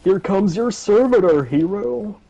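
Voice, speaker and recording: A gamer in a co-op session chats casually in a high, expressive voice with vocal fry and a warm tone, keeping a measured pace. He is blunt and teasing and swears often. The voice chat audio sounds dull and lo-fi.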